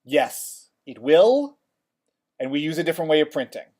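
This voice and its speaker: Male instructor, a touch high-voiced, casual and talkative, walking a class through software. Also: big pitch swings, moderate pace. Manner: chatty, checks in with "okay?" often. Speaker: college theater design instructor.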